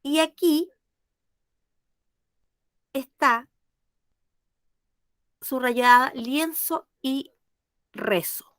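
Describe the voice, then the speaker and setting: A woman's voice: high-pitched, very slow, long pauses, fairly bright tone, no room sound, clean studio sound. A woman teacher, patiently explaining a language lesson and checking that her pupils understand.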